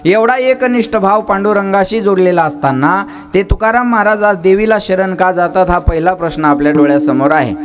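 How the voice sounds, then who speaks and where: A man's voice: sits high, normal speed. A man from preaching a devotional kirtan sermon, chanting verses and teasing his audience with questions and jokes. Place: live gathering with instruments.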